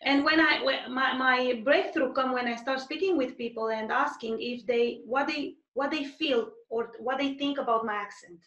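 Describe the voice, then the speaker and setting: A woman host with a non-native accent talks in a reflective, encouraging way. Her high voice is recorded in an echoey room. The sound is somewhat dull and lo-fi. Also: moderate pace, few pauses, fairly bright tone. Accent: foreign, non-native English. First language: not English. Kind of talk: casual interview.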